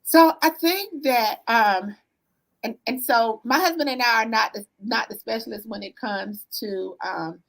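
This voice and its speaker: A woman with a Southern US accent, a therapist guest answering interview questions in earnest conversational talk, often pausing on "um" and checking in with "right?". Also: a little high, vocal fry, poor audio. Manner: earnest, warm storytelling with frequent "um" and "right?". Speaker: therapist, business owner guest.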